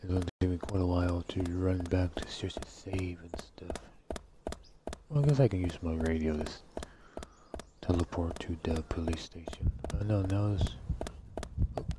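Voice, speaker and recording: Deep voiced guy playing a game, cussing and grumbling, mumbles half his sentences, hissy noisy audio. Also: moderate pace, long pauses. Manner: frustrated ranting with frequent swearing; muttering to himself, trailing off. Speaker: let's play gamer. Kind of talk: casual gameplay commentary. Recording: clear background noise with clicks.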